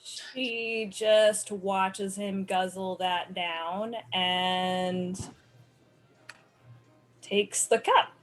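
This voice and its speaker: A woman playing a tabletop role-playing game, narrating her character's actions slowly and deliberately. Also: medium pitch, fairly even intonation, faint music behind, poor audio.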